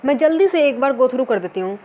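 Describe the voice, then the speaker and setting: Woman teacher, pretty high voice, asks herself questions then answers, bit of hiss in the background. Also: lively intonation, brisk, dark tone. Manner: explains by asking and answering her own questions; mixes English words into her talk. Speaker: teacher of an exam-prep channel. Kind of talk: exam-prep lesson.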